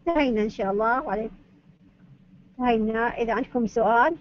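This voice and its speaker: A woman university lecturer, with a somewhat high voice, works through her points in order and poses questions that she answers herself. The recording is dull and lo-fi. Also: very fast. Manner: methodical, asks and answers her own questions. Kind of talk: academic lecture on Arabic phonetics.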